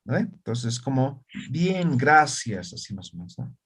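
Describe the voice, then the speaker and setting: Lively, slightly husky male language teacher. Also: mid-range voice, brisk. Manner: asks frequent check questions. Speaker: Aymara teacher. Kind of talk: online language class.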